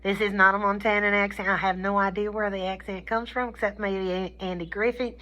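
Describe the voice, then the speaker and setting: Her voice is medium in pitch, fairly quick, bright and forceful, with little pitch movement. She teaches a communication class through a playful, colloquial, folksy comedic lecture, often pausing to check in with the audience.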